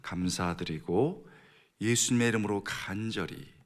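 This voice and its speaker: Middle-aged pastor preaching, hushed to emphatic. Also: male voice, on the low side, a little slow. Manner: shifts between hushed near-whispers and raised, emphatic preaching. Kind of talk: sermon. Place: church.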